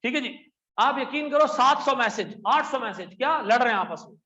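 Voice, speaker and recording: A middle-aged man from Pakistan with a Pakistani Urdu accent, lecturing a class in a chatty, animated way with frequent "theek hai ji" asides. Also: very high voice, brisk, dull audio. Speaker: accountancy teacher. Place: classroom with air conditioners and lights.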